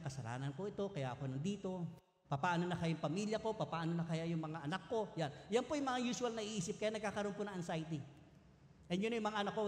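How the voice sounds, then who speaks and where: A man's voice: high-pitched, darkish tone. A man with a Filipino accent preaching a sermon, earnest and emphatic, moving between Tagalog and English. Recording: echoey hall with long reverb.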